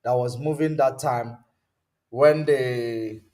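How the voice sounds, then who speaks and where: A man with a warm, mid-range voice speaks slowly while hosting a political commentary livestream. He rambles, responds to viewer comments along the way, and often pauses to hunt for words aloud, filling the gaps with many ums.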